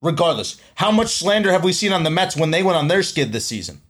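A young man talks baseball in a loose, swearing, argumentative way. His voice is a little high and swings widely in pitch as he presses his points. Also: quick pace, slightly rough. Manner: animated, profane, argumentative. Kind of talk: casual sports chat.

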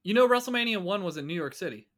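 A man's voice: high voice, animated, very fast, a bit bright. A man, co-hosting a casual podcast chat and talking animatedly, swearing and bragging about his trivia. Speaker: podcast co-host.

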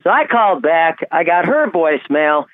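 A man's voice: fairly high pitch, sing-song, moderate pace. Man calling in on speakerphone. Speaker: radio show caller. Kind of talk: call-in to a talk radio show. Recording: tinny phone line on speakerphone.

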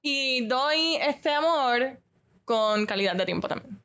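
A woman's voice: high-pitched, expressive, takes it slowly, fairly bright tone. Hesitant Puerto Rican woman. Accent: Puerto Rican Spanish. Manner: hesitant, searches for words. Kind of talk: casual chat.

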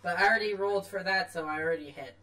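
Woman chatting through a tabletop game, lower-set voice. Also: racing, bright, forceful tone, soft background music. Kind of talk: casual in-game chat at a tabletop role-playing session.

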